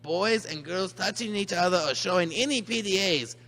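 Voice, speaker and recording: A man's voice: high voice, moderate pace, a bit bright, a little hiss or hum. A man presenting to children in a comic rules announcement, mock-earnest, emphatic and repetitive. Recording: long hall reverb.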